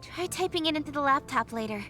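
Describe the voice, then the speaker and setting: An actress voicing a timid, easily shaken young girl in a game, speaking softly and hesitantly. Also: high voice, expressive, fast talker, soft background music. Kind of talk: game voice acting.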